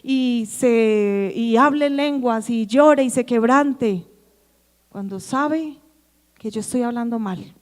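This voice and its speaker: Woman preacher, Colombian Antioquia accent, high voice, lively sermon, questions the congregation, long church-hall reverb. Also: takes it slowly. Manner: lively, acts out quoted dialogue, asks the congregation questions.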